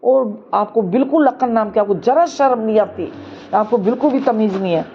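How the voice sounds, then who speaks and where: A woman's voice: medium pitch, normal speed, lo-fi sound, slight background noise, natural voice. A woman voicing an angry young daughter-in-law who scolds her mother-in-law, in a told family story. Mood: angry scolding. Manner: scolding, indignant. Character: sharp-tongued young daughter-in-law, shouting.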